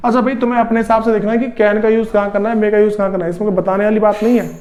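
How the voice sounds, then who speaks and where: High-voiced man teaching English grammar. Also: level tone, darkish tone, a little hiss or hum. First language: Hindi. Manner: explains slowly, repeats steps, often says "theek hai" and clears his throat. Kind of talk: spoken grammar lesson.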